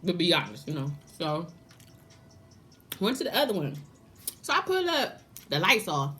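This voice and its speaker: A woman's voice: lowish voice, huge pitch swings, moderate pace, sharp tone, faint music behind. A woman chatting casually to viewers in a mukbang vlog, talking between bites of crunchy fried chicken. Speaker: mukbang vlogger.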